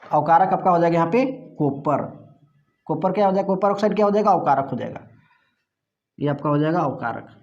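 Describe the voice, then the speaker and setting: High-pitched guy teaching a class, asks stuff then answers it himself, muffled lo-fi audio. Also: animated, fairly quick, pauses often, a little mellow. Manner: asks questions then answers them himself, repeating key terms. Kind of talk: classroom chemistry lesson.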